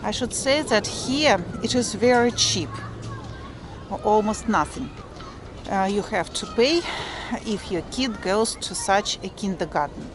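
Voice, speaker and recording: A woman with a Russian accent chatting casually for a walk-and-talk vlog, explaining things haltingly as she searches for English words. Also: medium pitch, lively intonation, a crowd in the background. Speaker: vlogger. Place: outdoors, walking through a provincial town. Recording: clearly noisy outdoor street ambience, vehicles. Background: urban outdoor noise and vehicles.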